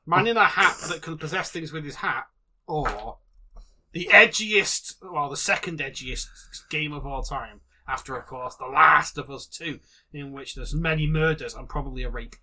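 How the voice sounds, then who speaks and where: A man's voice: on the high side, moderate pace, bright, forceful tone, poor audio. A man hosting a podcast, mock-ranting in casual banter and swearing freely. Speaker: podcast host.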